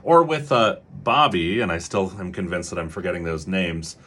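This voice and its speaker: A man's voice: deep voice, normal speed, a bit bright. A man, a child behavior clinician, explaining in an educational video, hedging with many fillers and briefly acting out what parents say.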